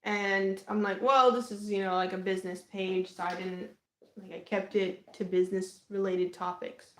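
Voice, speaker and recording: A woman's voice: mid-range voice, little pitch movement, normal speed, a bit bright. A young woman casually telling a personal story on a livestream, rambling with lots of fillers and restarts. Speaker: vlogger. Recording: echoey room.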